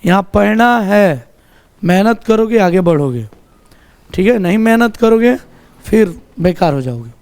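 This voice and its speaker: Slow high-voiced male teacher drilling words. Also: animated, a little mellow. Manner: repeats words slowly, quizzes the students. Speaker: English teacher. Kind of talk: classroom vocabulary drill. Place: classroom.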